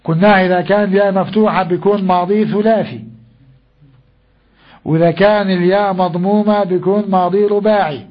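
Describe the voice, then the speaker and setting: An older man teaches a Quran lesson to a class. He puts questions to the class, answers them himself, and draws verses out slowly. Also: high-pitched, fairly even intonation, lo-fi sound.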